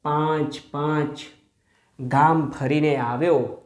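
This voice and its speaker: A man teaching a grammar lesson. He poses questions to the class, says example words slowly, and checks in with "hm?". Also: a little high, fairly even intonation. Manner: asks the class rhetorical questions. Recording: echoey room.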